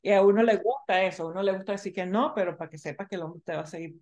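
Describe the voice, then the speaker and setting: A woman in her forties hosting a casual chat, talking in an animated, emphatic way. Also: medium pitch, very fast.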